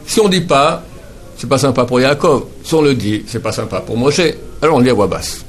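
Patient man teaching prayer pronunciation. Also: mid-range voice. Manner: patient, repeats Hebrew words slowly to model pronunciation. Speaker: Torah teacher.

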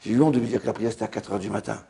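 A man's voice: lowish voice, steady tone, very fast, creaky, dark tone. A rabbi telling a story in a sermon, acting out the dialogue as he goes.

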